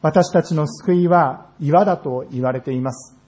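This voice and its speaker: A man preaching a sermon in a church, earnest and measured, slowing down on key phrases. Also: a little high, darkish tone. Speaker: pastor. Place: church sanctuary.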